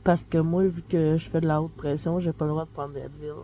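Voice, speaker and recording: Chatty Québécoise mom vlogging at home. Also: female voice, low-pitched, fairly even intonation, a little fast, mellow, slight background noise. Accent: Québécois French. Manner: chatty, rambling, full of fillers like "là" and "tu sais". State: stuffy nose, talking through the nose. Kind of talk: casual home vlog chat. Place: at home, kitchen then in bed. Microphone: handheld phone camera, no tripod.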